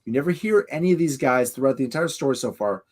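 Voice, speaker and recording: A man co-hosting a casual book discussion, relaxed and wry. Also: medium pitch, quick pace. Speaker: podcast co-host.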